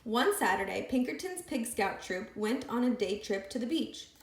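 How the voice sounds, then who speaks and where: A woman reading a picture book aloud with expressive, lively storytelling. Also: a little high, normal speed. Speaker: storybook reader. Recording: echoey room.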